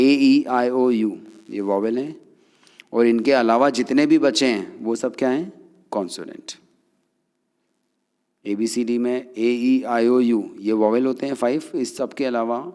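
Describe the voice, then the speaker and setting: A man's voice: mid-range voice, darkish tone, big-room sound. A man teaching English grammar to Hindi speakers, explaining step by step and often checking understanding.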